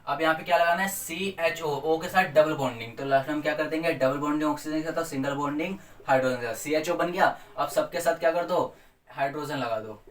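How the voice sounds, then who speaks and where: A male teacher runs a chemistry revision in a slightly higher voice, playful and quizzing the class as he answers his own questions. His sound carries the echo of a roomy space and comes from a few steps away from the mic. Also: fast. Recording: echoey room, mic at a distance.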